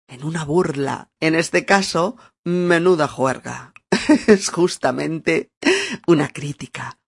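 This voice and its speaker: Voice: medium pitch, creaky, husky, dry recording, clean studio sound. A teacher, giving a podcast language lesson, spelling words out letter by letter and laughing often. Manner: acts out example phrases with lively shifts in tone. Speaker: Spanish teacher.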